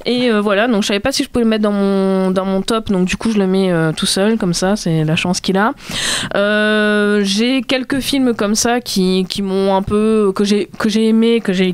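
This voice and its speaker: A woman's voice: medium pitch, smooth, no echo. A young woman chatting on a radio film show, presenting her favourite films of the year with enthusiasm and some self-deprecating humour. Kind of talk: casual chat, presenting a year-end film list. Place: radio studio.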